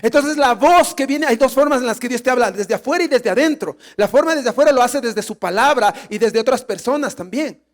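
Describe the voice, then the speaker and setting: A male pastor preaching a sermon, emphatic and animated, often asking the congregation rhetorical questions. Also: very high voice, a little fast, hardly any pauses.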